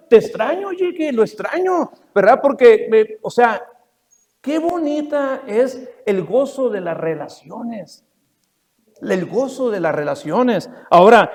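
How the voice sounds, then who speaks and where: An older man, preaching a sermon and telling stories, moving from loud to soft. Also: very high voice. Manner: animated storytelling, swings from loud to soft. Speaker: pastor. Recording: long reverb of a church hall.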